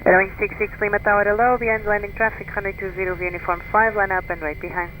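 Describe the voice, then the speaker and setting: A man working as an airport tower controller, giving brisk, procedural, clipped instructions over aviation radio. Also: high voice, flat delivery, pushed and bright, low-quality recording. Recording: air traffic radio with faint noise.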